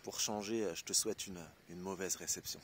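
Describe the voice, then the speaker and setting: Man from France, casual vlog monologue, halting and filler-heavy, outdoor noise under him. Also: sits low, fairly even intonation, fairly bright tone. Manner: rambling, many fillers, loose and spontaneous. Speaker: vlogger. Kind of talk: casual spiritual monologue to camera.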